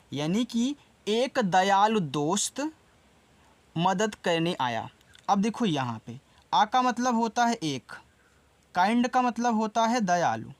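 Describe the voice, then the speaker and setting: Slow-talking Hindi-accented male teacher. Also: sits high, no echo. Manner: slow, spells words letter by letter and repeats them. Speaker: English teacher. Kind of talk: casual spoken lesson.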